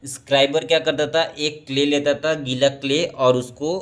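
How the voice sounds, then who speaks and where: A man teaching an exam prep history lesson, asking and answering his own questions and pointing at pictures as he explains. He reads English textbook lines slowly and then explains them in Hindi. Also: a little high, flat delivery.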